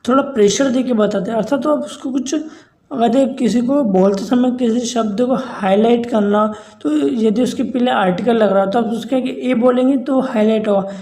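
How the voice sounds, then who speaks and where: A man's voice: very high-pitched, fairly even intonation, moderate pace, mellow, rough recording. Man teaching, asking and answering himself. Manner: asks and answers his own questions, checks in often. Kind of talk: explaining grammar lesson.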